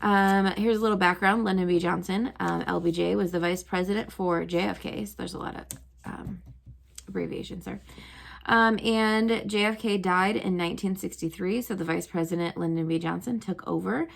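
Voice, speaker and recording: A woman's voice: mid-range voice, fairly even intonation, normal speed, vocal fry. A young woman, a teacher, casually retelling history stories to her students, chatty and full of "um" and "like". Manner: chatty, lots of "um" and "like".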